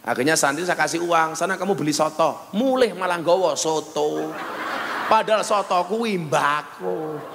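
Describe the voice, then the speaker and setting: A man's voice: on the high side, moderate pace, gravelly, long reverb tail, background noise. A man with a Javanese accent preaching a humorous sermon, mixing Javanese and Indonesian and acting out the voices in his stories. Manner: jokey, switches between Javanese and Indonesian, acts out voices. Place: large venue before an audience.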